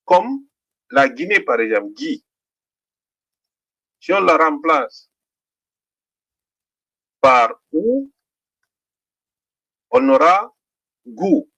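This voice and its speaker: A middle-aged man with a Guinean French accent teaching a literacy lesson, slowly sounding out syllables and often checking in with the class. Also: high-pitched, wildly swooping pitch, gravelly, bright, forceful tone. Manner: slow, deliberate, repeats each sound; checks in with "d'accord?".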